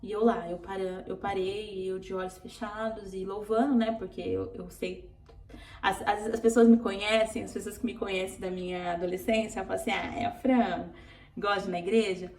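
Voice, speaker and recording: A woman's voice: medium pitch, little pitch movement, normal speed, darkish tone. A Brazilian woman vlogger telling an emotional personal testimony, earnest and tearful, repeating words for emphasis. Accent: Brazilian Portuguese. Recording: roomy, distant from mic.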